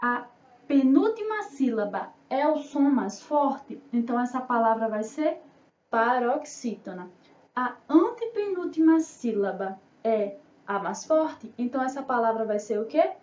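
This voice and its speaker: A woman's voice: fairly high pitch, very animated, unhurried, darkish tone. A Brazilian woman teaching young children, drawing out syllables and answering her own questions in a sing-song way. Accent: Brazilian Portuguese. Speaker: primary school teacher. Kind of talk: remote class for children. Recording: roomy, distant, dull lo-fi sound.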